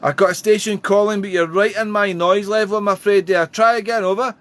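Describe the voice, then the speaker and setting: A high-pitched male amateur radio operator speaks a little fast in a steady tone, calling out phonetic call signs and chatting in a friendly way. It's radio contact calls and casual chat, with clear background radio noise.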